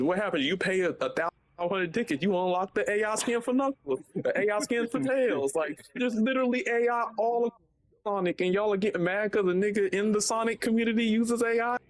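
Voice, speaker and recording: A young man rants heatedly on a gaming podcast, swearing as he goes. His voice sits a bit high. The sound is dry and close. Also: no room sound. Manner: heated, ranting, profane. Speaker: podcast co-host. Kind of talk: casual gaming podcast chat.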